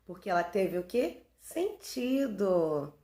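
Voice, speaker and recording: A woman with a Brazilian Portuguese accent teaches young children a recorded review lesson, speaking slowly and unhurriedly. She patiently asks questions and then answers them herself. Her voice sounds roomy and echoey, as if recorded in a bare room. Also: mid-range voice, very animated, mellow. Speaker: primary school teacher.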